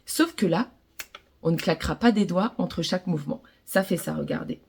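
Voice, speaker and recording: A woman with a French accent teaching ukulele to children, gently encouraging them through the lesson. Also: lowish voice, normal speed, creaky.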